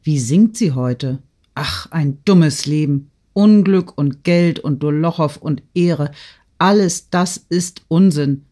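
A man's voice: on the high side, slow pace, warm tone. Brief: male reader as a troubled young gambler, brooding, audiobook. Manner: brooding inner voice, forced casual tone. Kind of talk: audiobook character reading.

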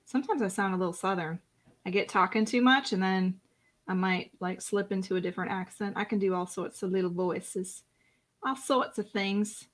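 A woman's voice: mid-range voice, normal speed. Chatty woman teaching painting live. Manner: chatty, self-talking while working. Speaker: painting instructor. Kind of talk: casual live-stream painting lesson.

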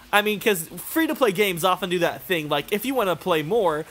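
Over the sounds of a video game, a male co-host chats casually while playing, his voice sitting high, animated and fairly bright at a normal speed. He rambles, drops "like" constantly, and swears now and then.

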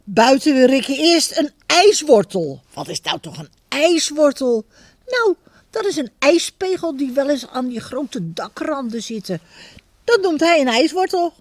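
A woman reads a picture book to young children in a high, sing-song voice, stopping to ask them questions. Her pitch rises and falls a lot as she tells the story. The recording is close and dry. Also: measured pace, no room sound. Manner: expressive, addresses the children directly.

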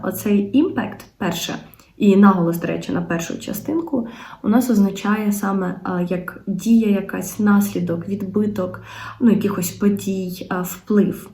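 A woman's voice: medium pitch, warm tone. A woman English teacher explaining vocabulary in patient, step-by-step Ukrainian with frequent filler sounds. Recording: echoey room.

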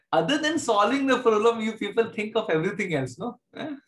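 A man's voice: high-pitched, very animated, a little fast, fairly bright tone. A man with a South Indian accent teaching an informal online class as a maths teacher, conversational and joking with his students. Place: indoor room, online video class. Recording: roomy, echoey online class audio.

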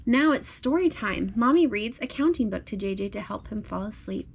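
Reading a storybook to a small child on a blanket at home, a woman sounds encouraging and sing-song and leans on simple repeated phrases. Her medium-pitched voice is gravelly and slightly rough, with lively intonation and a moderate pace. The audio is dull.

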